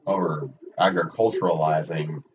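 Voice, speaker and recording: A man with an Oklahoma Okie accent chatting casually and haltingly as a sports livestream commentator. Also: very deep voice, fairly even intonation. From Oklahoma, United States. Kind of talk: casual rambling chat during a match stream. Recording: muffled, distant mic with background noise.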